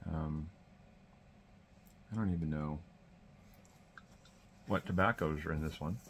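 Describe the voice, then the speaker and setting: A man chatting casually and haltingly to viewers, his speech muffled around a pipe in his mouth. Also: a bass voice, a little hiss or hum. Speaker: pipe-smoking video host. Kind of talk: casual, rambling storytelling chat to viewers.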